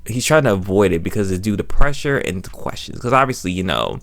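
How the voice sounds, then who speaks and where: A young American man with a low, fairly bright voice recaps a story off the cuff, animated and a little fast. He rambles while reviewing it, casually circling back and repeating phrases.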